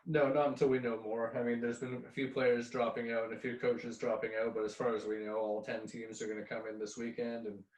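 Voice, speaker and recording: A man's voice: mid-range voice, level tone, fairly quick, hardly any pauses, darkish tone. Guy talking hockey, blunt, sounds far from the mic in an echoey room. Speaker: podcast co-host. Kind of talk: casual hockey chat.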